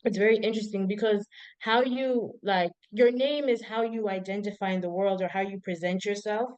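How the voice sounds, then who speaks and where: A woman's voice: mid-range voice, fairly even intonation, moderate pace, a little mellow, clean tone, no room sound, lo-fi sound. A young woman from Zimbabwe, a doctoral researcher, reflecting as a guest in a casual interview and telling her story with many "like" fillers.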